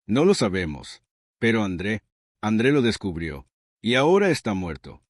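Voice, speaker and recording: A man voicing a frightened young woman in a horror story, speaking in a hushed way near a whisper. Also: fairly low pitch, sing-song, moderate pace, no echo, clean studio sound. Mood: fearful.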